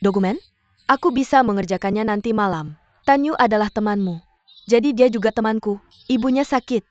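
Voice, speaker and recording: A woman's voice: on the high side, fairly quick, darkish tone, no echo, natural voice. A woman dubbing a caring, loyal young woman who speaks in an earnest, concerned way, on a dull recording. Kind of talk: dubbed drama dialogue. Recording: dull lo-fi dub.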